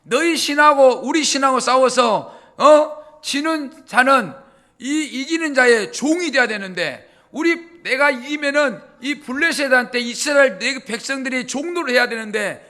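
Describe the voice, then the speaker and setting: A man's voice: very high voice, animated, a little slow, sharp tone, heavily acted. A man voicing a huge, arrogant giant warrior who taunts and swaggers. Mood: taunting.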